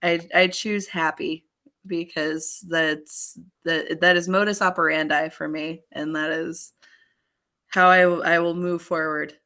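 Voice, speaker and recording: A woman in her thirties, a podcast guest, chatting upbeat and rambling, her voice going hoarse. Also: deep voice, fairly even intonation, unhurried, bright, forceful tone. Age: 30s. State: hoarse, voice failing. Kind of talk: casual chat.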